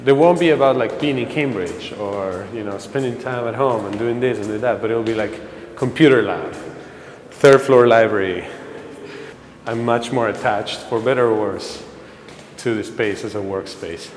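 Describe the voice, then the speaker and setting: A man's voice: medium pitch, moderate pace, a little hiss or hum. A man in his twenties from Ecuador, casually rambling with fillers while giving a campus tour as a graduate student. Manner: rambling, relaxed, many fillers and restarts. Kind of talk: casual documentary interview.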